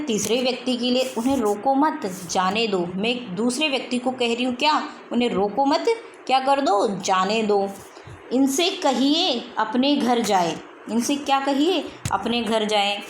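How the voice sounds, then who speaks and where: Female teacher, high voice, slow repeated examples, asks and answers her own questions, echoey room. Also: slight background noise. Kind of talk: grammar lesson.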